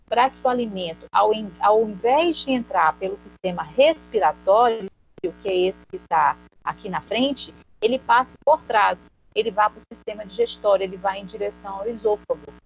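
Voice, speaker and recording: A Brazilian woman with a fairly high voice teaches step by step, often checking in with her listeners. The recording is dull and lo-fi, with a steady mains hum and faint music underneath. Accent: Brazilian Portuguese. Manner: explanatory, asks questions and answers them, often adds "tá?". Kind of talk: recorded lesson on human anatomy.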